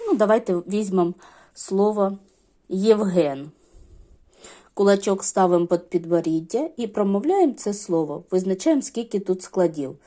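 A woman's voice: medium pitch, lively intonation, normal speed, warm tone. A middle-aged woman teaching a lesson to young children, explaining patiently step by step. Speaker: primary school teacher.

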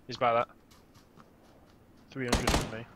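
A man asking his squad quick questions about enemy positions while gaming. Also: medium pitch, flat delivery. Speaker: gamer. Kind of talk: casual squad callouts. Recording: game audio noise. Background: gunfire.

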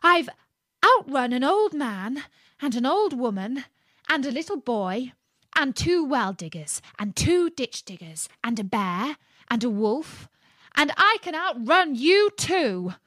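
A woman voicing a boastful little gingerbread man who brags in a loud, high singsong. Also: sing-song, measured pace, no echo, studio quality, full character voice. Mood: shouting. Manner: bragging, shouted singsong.

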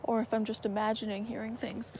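A young woman with a fairly high, darkish voice and little pitch movement speaks briskly while vlogging on a nighttime walk through a dark, marshy wood. She holds the phone in her hand and rambles hesitantly, full of fillers, over noisy outdoor sound.

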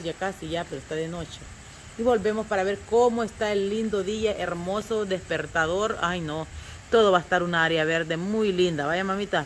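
An older woman vlogger chats to camera from her rural yard and garden, her voice on the low side against slight background noise. She rambles homely, calls her viewers fond pet names, and searches aloud for words.

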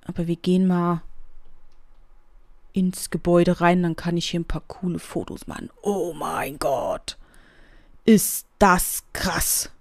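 A woman giving casual gameplay commentary, excitable and often squealing and gasping. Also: lowish voice, takes it slowly, pauses often, no echo, studio quality. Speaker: let's play gamer.

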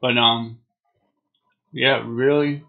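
Slow-talking, laid-back man, dull sound. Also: medium pitch, fairly even intonation, creaky. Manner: laid-back, hesitant, trailing phrases. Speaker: product reviewer. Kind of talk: casual unscripted video review. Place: small home room, indoors.

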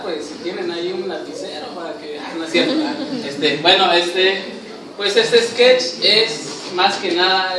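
A man directing an improvised comedy sketch, rambling with many fillers and bossing the actors around playfully. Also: on the high side. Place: church hall. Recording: echoey hall, far from the mic, noisy.

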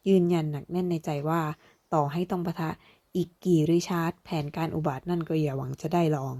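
A woman narrating a fantasy novel aloud, slowing down as she voices the characters. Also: low-pitched, steady tone, mellow. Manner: voices characters with slow, deliberate delivery. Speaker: audiobook narrator. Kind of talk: dramatic novel reading.

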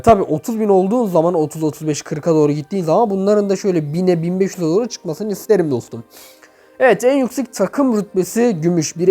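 A man's voice: high-pitched, warm tone. A young man reviewing game accounts in chatty commentary, talking straight to his viewers, his voice echoing off a half-emptied room. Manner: chatty, addresses viewers directly and often. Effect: echoey voice from a half-emptied room. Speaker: gaming YouTuber reviewing player accounts. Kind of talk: casual commentary over gameplay.

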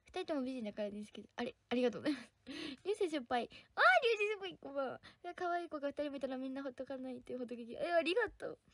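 A bubbly young woman hosts a casual livestream, chatting with her viewers and tossing in English words. Her voice sits high and bright. The sound is close and dry, with no room around it. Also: racing, hardly any pauses, no echo. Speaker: livestream idol host reading viewer comments.

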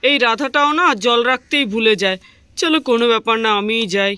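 A woman's voice: on the high side, brisk, pushed and bright, clear, resonant tone, dry recording, studio quality. A woman voicing a fussy young village husband in a doll story, chattering to himself and complaining. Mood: grumbling.

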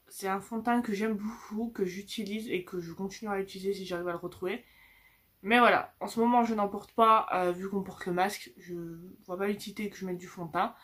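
A woman's voice: medium pitch, a bit bright. A young woman from France chatting through a casual makeup review, filmed on a phone at home, with lots of fillers and restarts. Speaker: beauty vlogger. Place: indoors at home with a lamp behind her. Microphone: phone camera.

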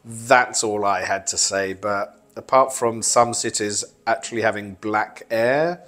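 A man's voice: fairly low pitch, unhurried, a bit bright. Man in his forties, wry and joking, home room. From London, England. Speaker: interviewee. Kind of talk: casual opinion sharing.

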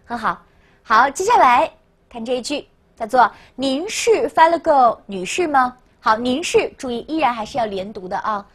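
Woman teacher running a lesson, voice jumps all over, repeats stuff slow for the class. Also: sits high, breathy edge. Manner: lively, coaxing, repeats slowly for students to echo. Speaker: French teacher. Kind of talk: language lesson.

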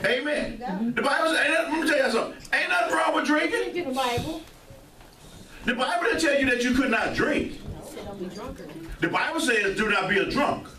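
A man's voice: extremely high pitch, animated, moderate pace, long pauses, pushed and bright. A man with a St. preaching a sermon, joking with the congregation and calling out amens. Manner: joking, call-and-response with many amens. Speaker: pastor. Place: church sanctuary. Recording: echoey church hall, mic far off, congregation audible.

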